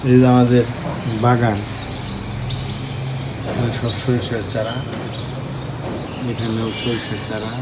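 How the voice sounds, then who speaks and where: A man films a casual home vlog. He shows balcony plants in a low voice and coaxes his sleeping children by calling them loudly again and again. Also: flat delivery, slow pace, long pauses. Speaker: vlogger and father. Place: home balcony garden and bedroom. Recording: street and bird noise behind.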